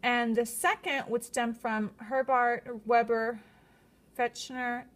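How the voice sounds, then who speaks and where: A woman's voice: on the high side, little pitch movement, takes it slowly. Woman with braces and a slight lisp. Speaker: psychology student presenting. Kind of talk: prepared spoken presentation, semi-scripted.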